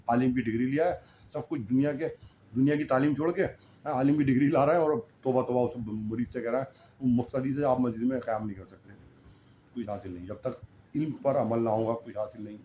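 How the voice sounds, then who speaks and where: A man delivers an admonishing sermon in a mellow, darkish voice. He repeats key lines and asks pointed rhetorical questions. Faint ambient noise sits under his voice. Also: medium pitch. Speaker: preacher.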